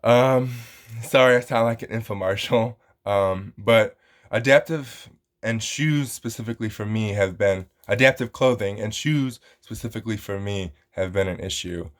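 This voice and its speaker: A man's voice: on the low side, moderate pace. A man giving a casual product review vlog, friendly and rambling, with many ums and you-knows, talking straight to his viewers. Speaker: vlogger reviewing shoes.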